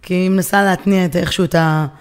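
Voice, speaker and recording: A woman with an Israeli accent co-hosting a casual discussion, often pausing to search for her words. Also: fairly low pitch, fairly even intonation, smooth. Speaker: podcast co-host.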